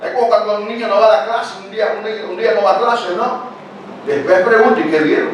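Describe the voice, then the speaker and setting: A man's voice: high voice, fast talker. Older male pastor, chatty sermon full of questions; distant mic in a very reverberant hall with faint background noise. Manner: conversational preaching with frequent rhetorical questions. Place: church hall. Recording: very echoey church hall, picked up from a distance.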